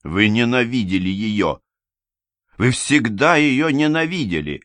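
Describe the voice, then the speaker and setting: A man's voice: medium pitch, animated, a little slow, fairly bright tone, no echo, voice pushed up. A man voicing a stern, controlled provincial police investigator who presses hard with questions. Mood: accusing.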